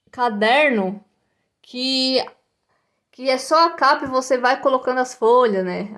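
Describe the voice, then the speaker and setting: A woman teaching English vocabulary to children in a slow, patient way, repeating each word and checking in with short tags. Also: fairly high pitch.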